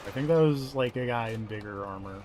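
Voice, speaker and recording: A man's voice: lowish voice, brisk. Man streaming over noisy game gunfire. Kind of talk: casual gameplay chat. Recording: game gunfire noise behind voice. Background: video game gunfire and ambience.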